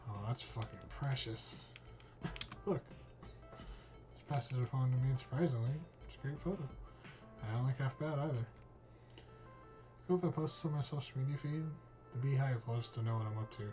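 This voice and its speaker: A streamer reading a visual novel aloud, voicing all parts in a casual, cursing manner. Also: male voice, mid-range voice, a little fast, lo-fi sound, music in the background. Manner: casual, reads all parts, drops in swear words.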